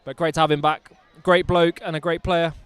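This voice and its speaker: A man calling a rugby match live from the ground, enthusiastic and chatty with jokey asides. His voice sits a touch high and rings out clear and smooth. The sound is close and dry. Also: level tone, brisk, a bit bright, no echo. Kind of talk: live sports commentary.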